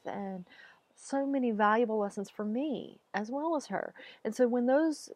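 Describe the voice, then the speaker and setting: A woman talking slowly and haltingly about the loss of her pet, teary at times. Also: a little high, darkish tone, dry recording, dull audio. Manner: slow, halting, searching for words. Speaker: animal communicator. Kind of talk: personal talk to camera.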